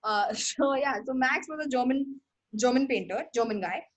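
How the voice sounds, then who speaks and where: Young Indian-accented woman, high pitch, loose rambling livestream host who self-corrects. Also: expressive, normal speed, dull audio, a little hiss or hum. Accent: Indian English. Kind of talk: casual livestream talk on art history.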